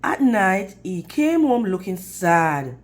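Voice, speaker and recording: A children's storyteller, a woman, reads a picture book at a relaxed pace. She keeps her intonation lively and stops to quiz her young audience, much like a classroom teacher.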